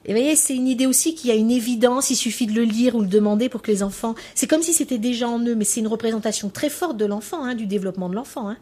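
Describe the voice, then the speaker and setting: A woman's voice: fairly high pitch, fast, hardly any pauses, warm tone. A woman lecturing on how children learn to talk, in a chatty way that keeps coming back to "hein" and "voilà". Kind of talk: spoken lecture with anecdotes.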